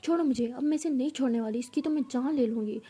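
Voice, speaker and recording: A woman's voice: sits high, fast talker, warm tone, breathy edge. A woman voicing a hot-tempered young female senior student who talks in a sarcastic, explosive way. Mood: furious.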